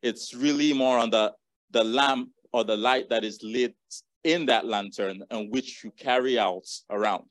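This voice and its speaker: A man's voice: mid-range voice, measured pace, no echo. A man preaching a sermon, earnestly reading and repeating scripture verses to the congregation.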